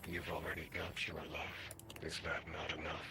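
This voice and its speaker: A man voicing a deadpan male bug who speaks flatly and only mock-performs excitement. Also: very deep voice, normal speed, loud music behind the voice.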